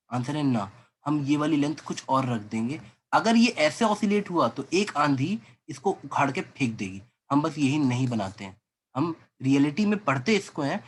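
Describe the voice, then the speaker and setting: With a medium-pitched, breathy-edged voice, a man gives a physics lecture in class. He coaxes his students, frames their doubts as questions, and refers to the listener as "beta."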